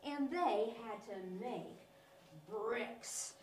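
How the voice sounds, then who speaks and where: A woman's voice: a little high, very slow, darkish tone. A woman playing a clown, telling a Bible story to children in an exaggerated, sing-song way. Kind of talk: animated children's lesson. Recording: echoey room, from a distance, faint noise.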